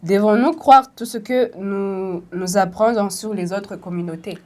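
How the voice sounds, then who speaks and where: A woman's voice: mid-range voice, a little slow, darkish tone. A woman from Burundi co-hosting a discussion, talking casually and leaning on fillers like "genre". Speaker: podcast co-host.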